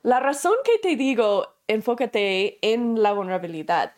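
A woman's voice: a little high, animated, a little slow, darkish tone. A woman teaching a class, explaining by asking herself questions and acting out everyday examples, speaking conversationally with fillers and self-corrections. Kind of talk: spoken lesson to a class.

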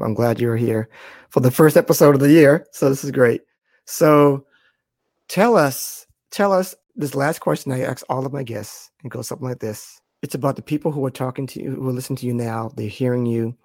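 A man's voice: medium pitch, darkish tone, no echo, clean studio sound. A man hosting an interview podcast who backs the guest with short yeahs and repeats words as he starts sentences. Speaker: podcast host. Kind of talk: casual interview talk.

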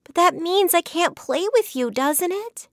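A woman voicing a small, excitable female puppy who whines and pleads in a storybook. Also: very high-pitched, measured pace, dry recording, clean studio sound, pitched above the performer's own voice, exaggerated voice. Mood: whining. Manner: whiny, pleading.

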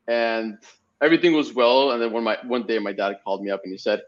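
Podcast guest: young man from Spain, chatty and meandering, mid-pitched, slightly dull lo-fi sound. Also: fairly even intonation, fast talker. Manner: rambling storytelling with frequent fillers. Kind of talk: casual podcast interview.

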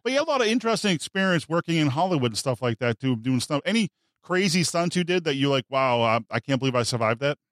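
A man's voice: a little high, very animated, quick pace, a bit bright, no echo, studio quality. A man hosting an interview, mostly giving short reactions and asking brief questions. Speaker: host.

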